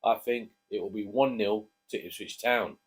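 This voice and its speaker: A man's voice: fairly low pitch, fairly even intonation, normal speed. A man co-hosting a casual chat, jokey and chatty, prompting his co-host to speak. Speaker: co-host, father.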